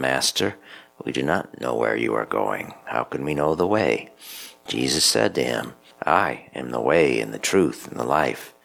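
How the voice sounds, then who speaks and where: A man, a pastor, reading scripture and a story in a measured, solemn homily. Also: rumbling low, creaky, fairly bright tone.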